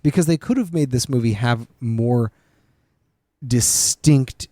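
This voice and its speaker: A man co-hosting a casual movie podcast, animated and quick to laugh, often trailing off and restarting. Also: mid-range voice, no room sound, clean studio sound. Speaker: podcast co-host.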